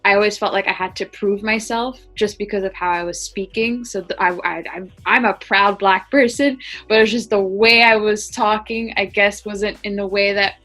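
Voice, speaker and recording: A woman's voice: mid-range voice, fairly even intonation, normal speed, few pauses, pushed and bright, soft background music. A woman co-hosting a casual podcast discussion, reflective and a little hesitant as she searches for words. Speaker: podcast co-host.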